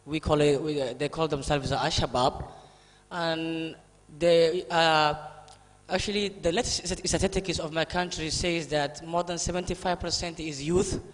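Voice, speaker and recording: A man from Somalia asking a question at a conference, speaking haltingly with many pauses and fillers. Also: fairly high pitch, fairly even intonation. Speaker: audience member asking a question. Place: large conference hall. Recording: reverberant conference hall.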